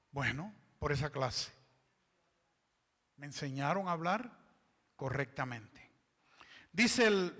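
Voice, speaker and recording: Preaching a sermon, this man has a high-sitting, fairly bright voice; he reads and explains scripture, pausing for the congregation to complete the words. His voice rings with the long reverb of a church hall.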